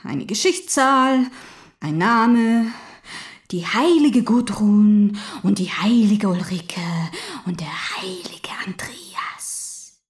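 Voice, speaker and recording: An actress playing a bitter, unraveling young woman militant in jail, in a theatrical stage monologue that swings between hushed whispers and shouted outbursts. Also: mid-range voice, drawn-out words. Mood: numb, brooding.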